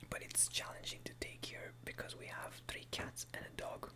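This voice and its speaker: A man who is a native Hebrew speaker whispers a casual, hesitant, unhurried ASMR chat in English. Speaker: ASMR video maker. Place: quiet room at home at night.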